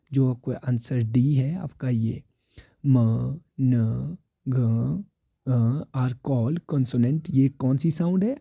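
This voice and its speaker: A man's voice: medium pitch, dark tone, husky, dry recording, highs cut off. A man teaching an exam prep lesson, mixing English terms into his explanations and repeating the key answers.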